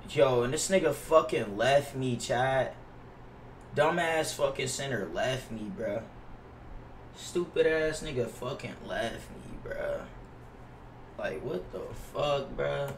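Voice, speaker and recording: A slow-paced, medium-pitched voice with lively intonation comes from a young adult American man streaming games. He chats casually to his audience with plenty of slang and profanity, frequently repeating himself. His headset mic, used in an indoor gaming room, sounds roomy, distant, and noisy.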